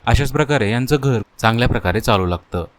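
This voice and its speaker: A man's voice: medium pitch, lively intonation, fast talker, slight background noise. A man narrating a children's cartoon story in a plain storytelling way, talking to listeners as friends.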